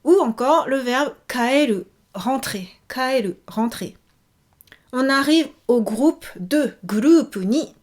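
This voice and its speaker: A woman's voice: high voice, expressive, slow pace. A woman giving a casual video lesson, chatty, with many fillers, repeating each example word. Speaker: Japanese teacher.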